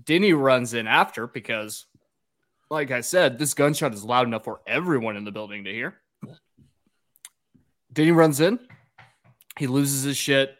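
A man's voice: mid-range voice, animated, normal speed, long pauses, fairly bright tone. Man gleefully recapping a movie plot. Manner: crude, gleeful plot narration. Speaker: podcast co-host. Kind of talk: casual comedic movie recap.

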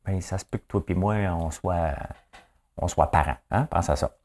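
A man's voice: low voice, normal speed, a little mellow. A male host with a Quebec French accent, running a chatty trivia monologue that keeps tossing in "hein?" and slipping into English phrases.

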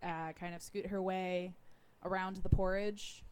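A woman's voice: on the low side, flat delivery, measured pace, darkish tone, slight background noise. A woman player chatting casually and narrating what her character does in a tabletop game.

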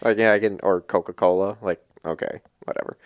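Speaking a little fast in a low, steady voice, a male co-host of a laid-back sports podcast wanders and jokes, often starting over mid-sentence. The recording has no echo.

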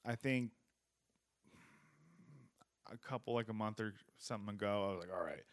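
A man with a lowish voice hosts a podcast at a normal speed, chatting casually in an animated way, joking around and swearing a lot. The recording has no echo.

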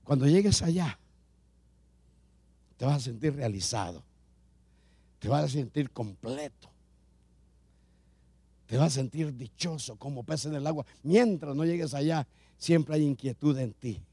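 A man's voice: mid-range voice, unhurried, pauses often, mellow, breathy edge, no echo. Male pastor, sermon delivery with repeated emphatic phrases; dry, close recording. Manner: preaching with repetition and rising emphasis.

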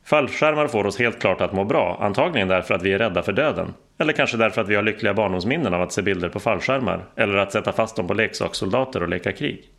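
A man voicing a brash, bearded male skydiving instructor who shouts over the wind. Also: lowish voice, gravelly. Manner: shouting, boisterous.

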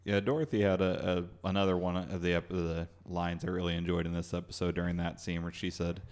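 A man's voice: low voice, little pitch movement, a little fast, darkish tone. A man co-hosting a podcast in casual chat, laughing often and hedging with "you know" and "I guess". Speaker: podcast co-host.

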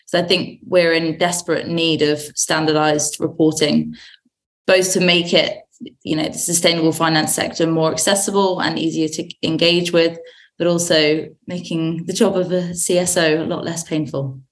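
A woman's voice: low-pitched, flat delivery, normal speed. A woman co-hosting a podcast, speaking conversationally. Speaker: podcast co-host.

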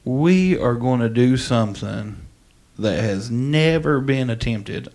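Gravelly man, podcast co-host. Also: mid-range voice, animated, slow pace, a little mellow. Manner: jokey, mock-serious. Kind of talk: casual banter.

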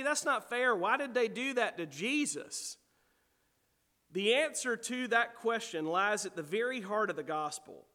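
A man's voice: high-pitched, pushed and bright, big-room sound. A man preaching a sermon as pastor, emphatic and full of rhetorical questions to the congregation.

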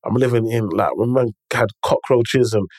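Medium in pitch and darkish in tone, this man talks at a moderate pace in a studio-quality recording without room sound. His London roadman accent carries urban multicultural slang as he shares stories and motivational advice, emphatic and chatty, looping back on phrases and checking in with whoever's listening.

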